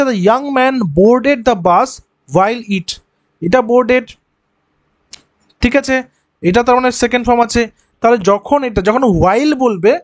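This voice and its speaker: A man's voice: extremely high pitch, dry recording, dull audio. A male teacher giving an exam-prep grammar lesson, explaining step by step and asking rhetorical questions.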